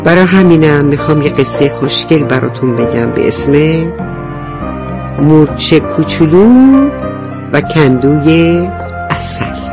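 A woman telling a bedtime story to children on the radio, gentle and clear, asking the little listeners questions as she goes. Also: sits low, animated, long pauses, music in the background.

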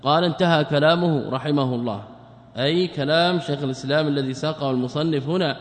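Male teacher quizzing students, reverberant hall. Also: a little high. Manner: quizzing students, drawn-out repeated words. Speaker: Islamic scholar teaching a class. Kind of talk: classroom lesson with questions to students.

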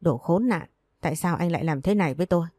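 A furious young wife, wronged and desperate, firing off accusations at high speed, as a woman reading the audiobook puts her on. The voice stays low and mellow under the anger, in a dry, close recording. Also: slightly rough, no echo. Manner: rapid, shouting accusations.

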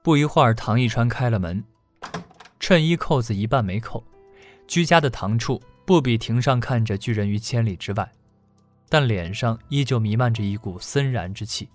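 A man narrates a serialized novel in an even, measured storytelling voice. His pitch sits in the middle, and faint plucked guitar plays beneath him. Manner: steady storytelling delivery. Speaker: audiobook narrator. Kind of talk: scripted narration.

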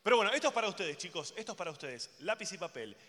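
A man's voice: sits high, racing. A young man with a Rioplatense accent performing a live stand-up routine, acting out crude voices and talking straight to the audience. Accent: Rioplatense Spanish. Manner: animated, acts out crude voices, addresses the audience. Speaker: stand-up comedian. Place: stage in a hall before a live audience. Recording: reverberant hall with audience noise.

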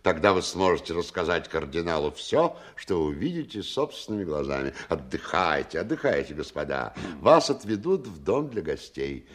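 An actor playing a pious, commanding middle-aged general, solemn and theatrical, with grand, unhurried courtesy. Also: male voice, sits low, big pitch swings. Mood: smoothly courteous. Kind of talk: dramatic screen acting.

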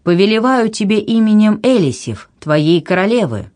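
A reader voicing a proud young noblewoman who speaks in a high, commanding, urgent tone. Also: sing-song, unhurried, a little mellow.

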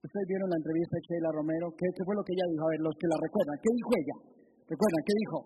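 A middle-aged man preaching a sermon as pastor, swinging between loud emphatic bursts and quiet low asides. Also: rapid-fire, slight background noise, low-quality recording.

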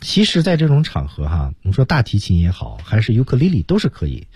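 Husky dark-voiced male English teacher. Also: lowish voice, huge pitch swings, no echo, clean studio sound. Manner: explains step by step, slowly modeling English phrases. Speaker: English teacher and radio host. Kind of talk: radio English lesson.

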